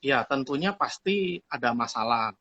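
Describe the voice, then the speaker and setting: Animated man with a forceful voice. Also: mid-range voice, moderate pace, no room sound, highs cut off. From Indonesia. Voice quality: loud, forceful voice. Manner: animated, acts out quoted speech. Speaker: communication expert guest. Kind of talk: live-stream talk.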